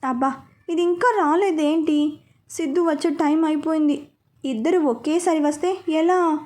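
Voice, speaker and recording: A woman's voice: high voice, moderate pace, dark tone, close to an everyday voice. A woman voicing a flustered, scheming young woman in a storybook reading, full of fretful asides.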